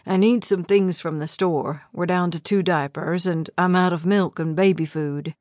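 A woman reads the part of a worried man, a father caught off guard, his husky voice pitched low and pressed with urgency. It is an audiobook character voice. The sound is dry and close with no room at all. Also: fairly even intonation, moderate pace, a little mellow, dry recording, lightly acted. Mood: urgent.

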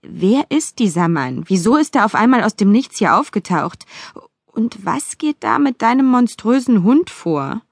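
A woman's voice: fairly high pitch, sing-song, measured pace, slightly rough, dry recording, clean studio sound, heavily acted. A woman voicing a stern, domineering older uncle who speaks in a commanding way. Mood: stern confused.

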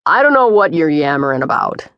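A woman voicing a dismissive, irritable middle-aged husband, gruff and curt, in an audiobook. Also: low voice, sing-song, a little fast, no echo, lo-fi sound. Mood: irritated.

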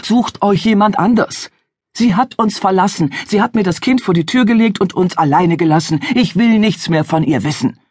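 A woman voicing a furious, grieving middle-aged village father who shouts, agitated and breathless with rage. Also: medium pitch, moderate pace, breathy edge, dry recording, clean studio sound, pitched above the performer's own voice, natural voice.

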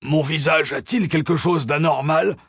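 A man's voice: fairly high pitch, measured pace, a bit bright, slightly rough, dry recording, studio quality, pitched above the performer's own voice, full character voice. A man voicing a panicked old professor in an audiobook, his voice strained, shrieking and broken. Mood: dazed.

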